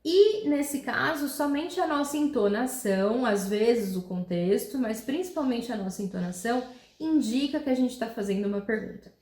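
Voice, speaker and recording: A woman teaching an English grammar lesson in Portuguese. She explains patiently, often checks in with "tá?" and "né?", and reads her English examples slowly and clearly. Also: on the high side, animated, warm tone. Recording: roomy echo.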